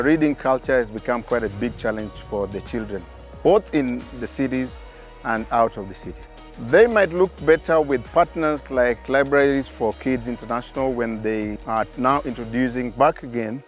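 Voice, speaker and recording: Measured man from Kenya, safari guide. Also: medium pitch. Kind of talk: interview talk. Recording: faint music behind.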